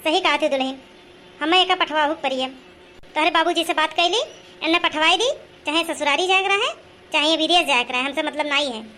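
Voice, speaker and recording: A woman's voice: high voice, a little fast, sharp tone, a little hiss or hum. An actress playing a nagging, scolding village mother-in-law who speaks an in a comedy skit. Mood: angry.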